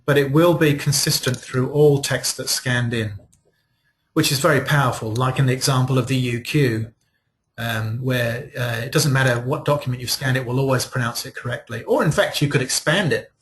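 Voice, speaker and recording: Man, mid pitch, casual trainer talking staff through a program, faint background noise. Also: moderate pace. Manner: relaxed, conversational explaining. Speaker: workshop presenter. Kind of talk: software training demonstration. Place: training room.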